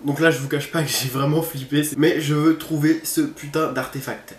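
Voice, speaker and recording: A man's voice: fairly high pitch, fairly even intonation, normal speed. A man giving casual let's-play commentary, thinking aloud and chatting informally to his viewers. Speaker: gamer hosting a horror game video. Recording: roomy echo, faint background noise.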